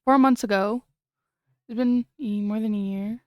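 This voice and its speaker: A woman's voice: fairly high pitch, fairly even intonation, unhurried, clean tone, no echo, highs cut off. A young woman chatting casually on a late-night stream, giggly and rambling, often trailing off and restarting.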